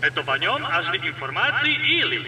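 A man's voice: high voice, very animated, a little fast, noisy background. A man voicing a stern border commander in a video game, giving long formal instructions. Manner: long formal briefing in a foreign tongue. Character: stern male border commander briefing a new guard. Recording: echoey game audio from far off.

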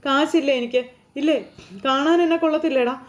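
Woman reading as a heartbroken young man, volatile, anguished outbursts, fairly high voice, quick delivery. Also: fairly even intonation, lightly acted. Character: heartbroken, volatile young man raging over lost love.

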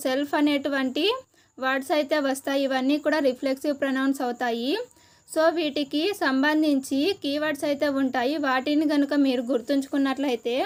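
A high-pitched woman with a Telugu accent teaches an exam-preparation lesson. She explains steadily, pausing to list each term one by one. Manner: slow, deliberate listing of terms one by one.

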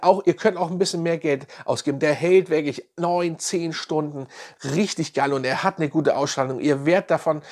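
Enthusiastic fragrance reviewer, fairly high voice. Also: male voice, darkish tone. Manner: enthusiastic, repeats slang praise like "nice" and "geil". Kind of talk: casual product review.

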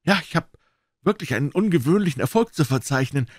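A man doing a high-strung erratic young scholar. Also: brisk, dry recording, clean studio sound. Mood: jittery. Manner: excitable, abrupt outbursts.

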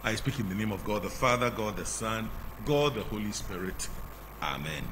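Speaking in a low-ish but animated voice, a middle-aged Ghanaian English-accented canon reads the gospel and preaches at the altar of a large church. His phrases are measured and drawn out, each one falling at the close. The lectern microphone picks him up through a face mask, amid long church reverb and a faint hum.

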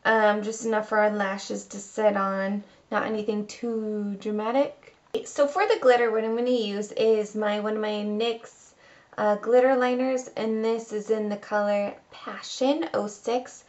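This beauty vlogger, a woman in her twenties, speaks at medium pitch with fairly even intonation and a slightly slow pace. She gives a chatty, informal makeup tutorial from a small room at home, and the camera-mic audio sounds dull.

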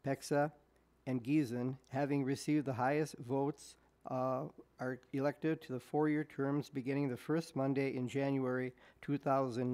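A man reading official resolutions aloud at a school board meeting in a measured, deliberate way, speaking into a desk microphone in a meeting room. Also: mid-range voice, darkish tone.

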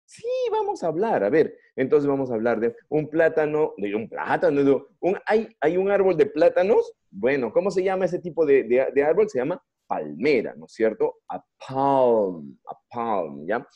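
A man's voice: medium pitch, moderate pace. Man, Peruvian Spanish accent, online English teacher, coaxing, playful, lots of questions, dull call audio. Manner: lively, coaxing, playful, asks many questions. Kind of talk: online class for young students. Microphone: computer mic on a video call.

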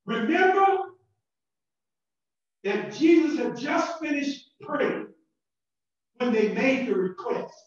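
A Southern American pastor delivers a slow sermon in a church sanctuary, rising into shouted emphasis and repeating his words as he builds, with big swings in pitch. His voice is high for a man. The distant, muffled recording is swamped by heavy church echo.

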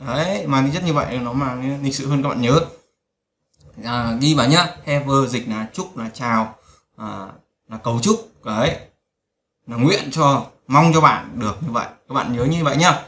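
A man's voice: medium pitch, normal speed, fairly bright tone. Guy giving a language lesson, keeps repeating stuff, echoey room. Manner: repetitive, drills phrases and keeps telling listeners to remember. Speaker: English teacher. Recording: roomy echo.

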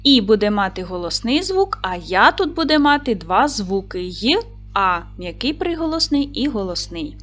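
A woman teacher speaks to young pupils in a video lesson, her voice lively and rising and falling a lot. She gives clear, patient instructions at a medium pitch. Faint music plays softly underneath. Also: normal speed. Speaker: primary school teacher.

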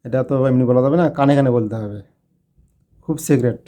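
A man quoting his playful, teasing mother in a hushed, secretive tone. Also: medium pitch, normal speed, close to an everyday voice.

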